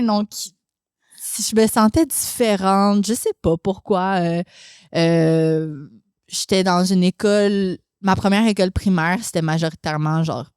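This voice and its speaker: In clean, studio-quality audio with no room sound, a young woman with a Québécois French accent speaks in a lowish, darkish, clear voice. She's a chatty podcast guest who laughs a lot and sprinkles English phrases into casual conversation.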